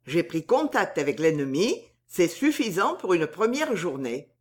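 A woman's voice: fairly low pitch, sing-song, a little slow. A woman voicing a gallant, flowery young male poet in a spoken storybook, with grand, pleading declarations.

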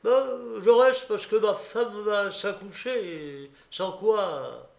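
A man reading aloud voices a cowardly, eager-to-please militia lieutenant who makes loud, whiny excuses. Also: high-pitched, extremely slow, creaky, pitched above the performer's own voice, full character voice. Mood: excusing. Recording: roomy echo.

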